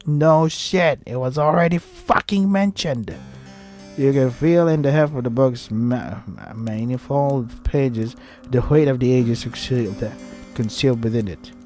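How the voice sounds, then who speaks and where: A man with a mid-range, slightly mellow voice hosts a let's play, reading a visual novel aloud as gaming commentary. He keeps breaking in with sarcastic, foul-mouthed asides.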